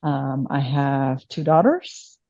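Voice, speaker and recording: A woman's voice: extremely low pitch, takes it slowly, darkish tone, no echo, lo-fi sound. A woman in her late thirties from Vietnam, an emergency physician being interviewed, talking reflectively with many fillers. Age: late 30s. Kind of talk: conversational interview.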